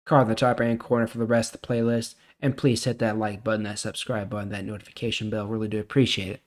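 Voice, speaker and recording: A man with a lowish voice and a level tone speaks quickly as he hosts a Bible reading series. He alternates between reading scripture aloud and explaining it in a casual, emphatic way.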